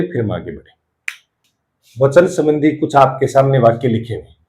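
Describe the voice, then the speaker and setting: A man's voice: mid-range voice, darkish tone, poor audio. A man teaching a Hindi grammar lesson for exam preparation, repeating key terms and drilling example sentences one by one.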